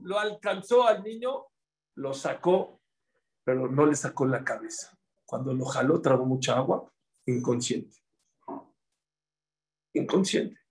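A middle-aged man giving a religious class, telling stories in an animated way and repeating words for emphasis. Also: medium pitch, unhurried, pauses often, poor audio. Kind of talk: sermon with storytelling.

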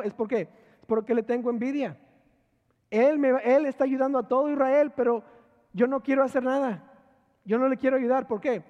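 Male pastor, fairly high voice, preaching with rhetorical questions, dull lo-fi recording in a church hall. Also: darkish tone. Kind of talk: sermon. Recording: echoey hall, dull lo-fi sound.

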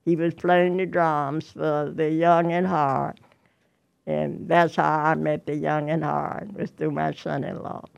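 Very old woman, interview guest, slow and rambling, high smooth voice. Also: little pitch movement, muffled recording. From Tennessee, USA. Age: 100. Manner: rambling, repeats phrases, laughs often. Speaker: choir member, interview guest. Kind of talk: casual interview chat.

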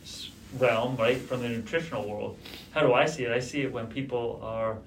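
A man's voice: medium pitch, fairly even intonation, moderate pace, creaky. A man chatting casually as a podcast guest, speaking through a face mask that slightly muffles his voice. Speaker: podcast guest, registered dietitian. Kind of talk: casual chat. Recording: muffled, distant from mic, background noise.

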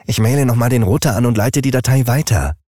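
A man's voice: mid-range voice, fast, mellow, no room sound, studio quality, voice pushed up, lightly acted. A man voicing an anxious talking fridge. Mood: worried. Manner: earnest, worried. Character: anxious smart fridge, worried leader.

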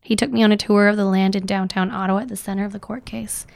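A woman reporter speaks with a scratchy, cold-roughened voice. She explains things steadily in conversation. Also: mid-range voice, level tone, quick pace. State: hoarse from a cold.

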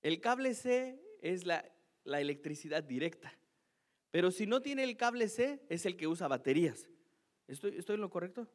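A male pastor telling a funny story about himself in a sermon, chatty and self-mocking, who keeps asking "¿no?". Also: high voice. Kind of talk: sermon with a humorous personal story.

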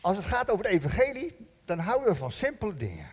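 A man preaching a sermon in a church, animated and joking, asking the congregation questions. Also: high-pitched, fast, breathy edge. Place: church hall. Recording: long church-hall reverb.

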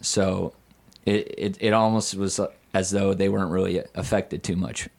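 Hungover man with a gravelly, creaky voice. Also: low-pitched, level tone, normal speed, darkish tone. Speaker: podcast guest. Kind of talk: candid casual chat.

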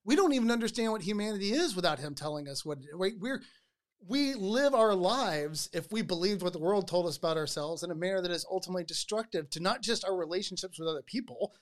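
This podcast host tells stories with animated energy and often stumbles through repeated words at the start of a sentence. The voice sits at a middle pitch and ranges widely as the story builds. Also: fast talker.

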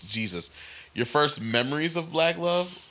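A man's voice: a little high, expressive, measured pace, sharp tone. A man joining a podcast conversation, laid-back and teasing in casual chat.

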